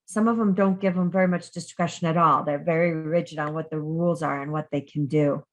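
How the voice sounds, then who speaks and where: A woman's voice: deep voice, steady tone, a little fast. A woman giving a recorded criminal justice lecture, conversational and full of questions to her students, with frequent ums and restarts.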